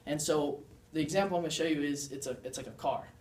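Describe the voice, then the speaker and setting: A young student gives an earnest class presentation, demonstrating as he explains. His voice sits on the high side. It is picked up by a distant mic in an echoey room with a faint hum of ambience. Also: fast talker.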